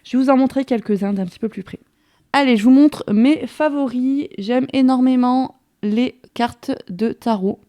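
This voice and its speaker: A French woman hosting a casual craft haul vlog, chatting warmly with many small fillers and restarts. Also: sits high, moderate pace. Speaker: crafting channel host.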